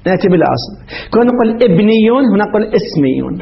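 A man's voice: high-pitched, sing-song, racing, gravelly. A man teaching a classical grammar lesson, posing questions to his students and repeating words while he thinks aloud. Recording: dull lo-fi recording.

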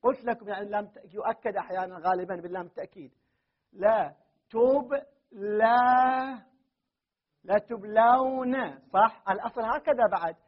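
A man teaches a grammar class in a very high, husky voice. He chants word forms one after another and keeps asking his students whether they follow. The recording is dull and lo-fi. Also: fairly quick. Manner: drills word forms aloud, often checks with students.

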